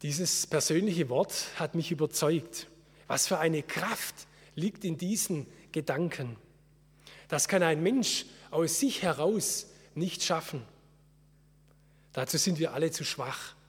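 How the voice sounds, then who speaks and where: Husky-voiced man preaching in a hall. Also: a little high. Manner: earnest, measured preaching with slow solemn quotes. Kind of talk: sermon.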